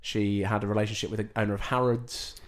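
A man hosting a casual podcast chat, quick and jokey, asking guests questions. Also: lowish voice, level tone. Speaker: podcast host.

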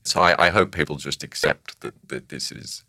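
Guy with voice disguised super deep, kinda bright and dry, explains stuff slowly with restarts. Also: gravelly, dry recording. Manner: thoughtful, halting explanations with restarts. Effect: voice disguised, pitched very deep. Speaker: pseudonymous NFT project creator. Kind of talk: casual interview.

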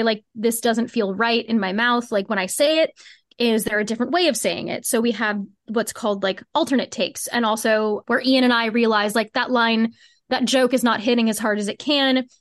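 Again a fairly high-pitched woman, recorded at studio quality without echo, talks as a podcast guest about her craft. Her explanations are informal and chatty, full of casual fillers such as "like" and "cool."

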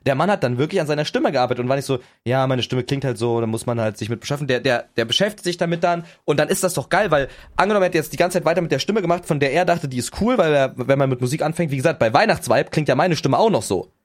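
A man's voice: on the high side, lively intonation, fast, hardly any pauses. A young man co-hosting a podcast, rambling in casual chat with slangy restarts. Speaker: podcast co-host.

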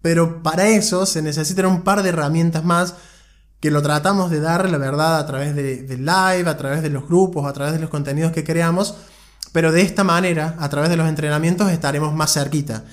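A man's voice: a little high, steady tone, a little fast. A man co-hosting a podcast, giving an earnest motivational talk and telling a story, speaking directly to the listener with frequent restarts. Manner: frequent restarts and repeated words. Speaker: podcast co-host.

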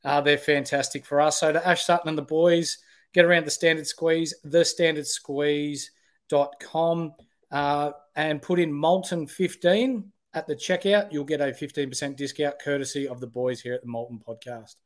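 A man's voice: fairly high pitch, steady tone, moderate pace. An Australian man co-hosting a casual sports podcast. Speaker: podcast co-host.

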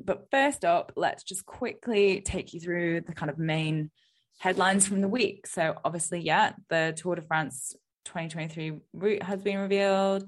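A woman hosting a podcast in casual chat, chatty and self-deprecating, with plenty of ums. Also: on the low side. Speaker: podcast host.

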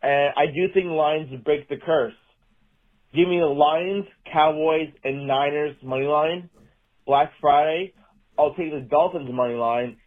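A man's voice played back from a voicemail sounds tinny and narrow, like it came over a phone line. He rambles in a casual, exasperated way and swears freely. His voice sits a little higher than most men's. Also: unhurried. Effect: played voicemail message. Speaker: voicemail caller. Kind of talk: casual rant.

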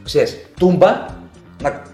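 A man guesting on a casual podcast, telling football stories with sudden swings between hushed asides and loud bursts. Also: echoey room, music in the background. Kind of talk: casual banter about football.

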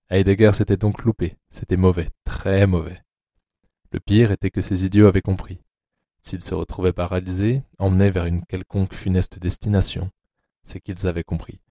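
A male narrator with a very low, dark and mellow voice reads an audiobook drama in a measured, sombre way. The sound is close and dry, with no room around it. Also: dry recording.

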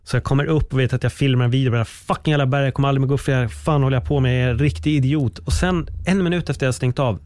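A young man hosting a podcast, telling a story in lively casual chat and swearing freely. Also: mid-range voice, hardly any pauses, no room sound. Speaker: podcast host.

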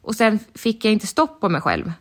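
A woman co-hosting a podcast, telling an animated story and often breaking into laughter. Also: mid-range voice. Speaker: podcast co-host. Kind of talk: casual chat.

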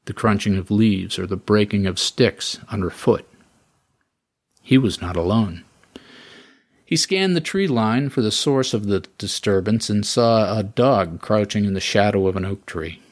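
Guy reading his own story out loud, deep-ish voice, steady and measured. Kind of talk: scripted narration of a story.

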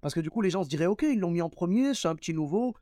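A man's voice: high-pitched, lively intonation, racing, warm tone, dry recording, studio quality. A man hosting a casual podcast chat with a comedian, encouraging and explaining stage lessons. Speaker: podcast host.

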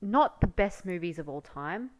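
Young woman podcast cohost, lowish voice that swoops around a lot, gushy chatty vibe. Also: animated, normal speed, a little mellow. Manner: gushing and effusive, with frequent fillers. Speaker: podcast co-host. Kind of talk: casual chat.

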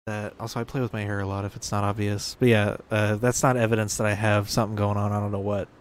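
This podcast host speaks quickly in a lowish, level voice. He's a man in his early twenties doing a casual show on his own, wandering off track, fixing his own wording, and chuckling at what he says.

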